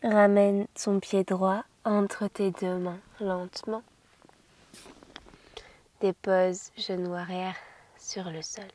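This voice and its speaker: A woman yoga teacher guiding a class in a soothing, gentle, slow manner, with a soft, breathy voice that often nears a whisper. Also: medium pitch, flat delivery. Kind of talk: guided yoga instruction.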